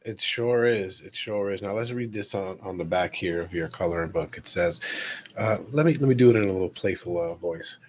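A man's voice: sits low, brisk, a little mellow, slight background noise. A man hosting a casual interview, easygoing and affirming toward his guest. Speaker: host.

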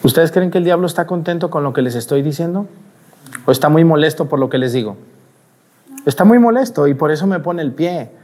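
Priest preaching at mass, slightly high voice, animated, keeps asking the crowd questions. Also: male voice, fairly quick. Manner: animated, asks the congregation rhetorical questions. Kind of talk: sermon at mass.

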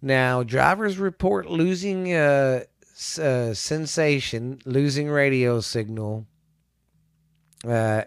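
A man hosts a podcast in a loose, rambling way, sometimes dropping into low, spooky whispers. A sinus cold leaves his voice stuffy and congested, though its tone is clear and resonant. The recording is dry and studio-clean.

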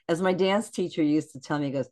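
A woman guest in casual podcast chat, animated and acting out quotes in lively voices. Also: low voice, fast.

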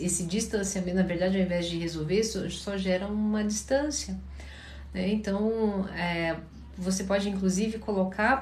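A woman's voice: mid-range voice, roomy sound, a little hiss or hum. Tired woman with a Curitiba accent, advising. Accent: Curitiba Portuguese. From Paraná, Brazil. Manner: calm, advising, often checks in with listeners. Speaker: therapist answering viewers' questions. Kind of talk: live Q&A advice chat.

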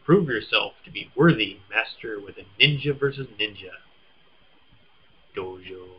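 A man's voice: mid-range voice, expressive, normal speed, breathy edge, muffled recording. A man co-hosting a casual chat, playfully teasing and reading game blurbs aloud. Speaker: podcast co-host.

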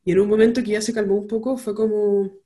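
Chatty Chilean woman, warm mellow voice. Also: medium pitch, flat delivery, fast talker. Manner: chatty, rambling, heavy slang and fillers. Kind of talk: casual personal storytelling.

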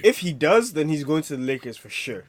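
A young man co-hosting a casual sports chat, excitable, laughing often and stumbling into restarts. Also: on the high side, fairly quick, a crowd in the background. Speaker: podcast co-host.

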